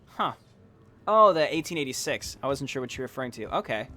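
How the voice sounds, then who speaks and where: A man's voice: medium pitch, animated, brisk, pushed and bright. A man chatting casually with viewers as he streams a game, swearing now and then. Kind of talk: casual live-stream commentary.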